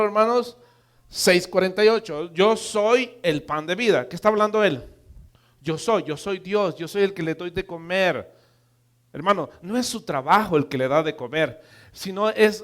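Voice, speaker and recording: A man preaching a sermon to his church, calling the listeners brothers and putting questions to them, now soft, now loud, stretching words for emphasis. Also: sits high. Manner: addresses the congregation as brothers, asks them questions.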